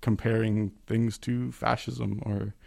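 Speaking slowly in a fairly low, level, darkish voice with vocal fry, a man from an Italian immigrant family joins a casual discussion over a remote call. He talks hesitantly, often restarting and correcting himself, and laughs at his own expense.

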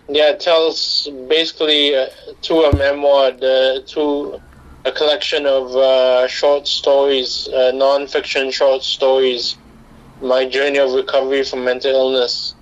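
A middle-aged man from Singapore, speaking as a guest on a talk radio show. He answers at length in an earnest way, often stopping to restart a sentence, in a voice of ordinary pitch. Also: muffled recording. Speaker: guest, director and writer.

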